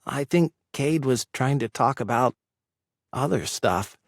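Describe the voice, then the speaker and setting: A man's voice: medium pitch, expressive, a little slow, dry recording, clean studio sound. A man doing a hesitant teenage boy. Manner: hesitant, questioning. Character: unsure, careful teenage boy.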